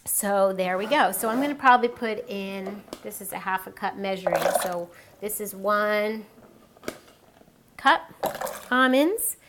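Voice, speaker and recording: A woman's voice: medium pitch, unhurried, background noise. A woman hosting a cooking demonstration, chatting and explaining each step as she works. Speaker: cooking show host. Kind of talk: casual recipe demonstration.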